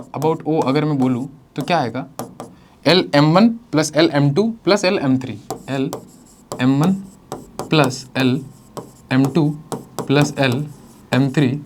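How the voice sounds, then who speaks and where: A man's voice: a little high, noisy background. A man, teaching physics in a lecture and working through each step. He asks questions and answers them himself, and he calls his students "bhai sahab" and "beta". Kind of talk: classroom lecture at a board.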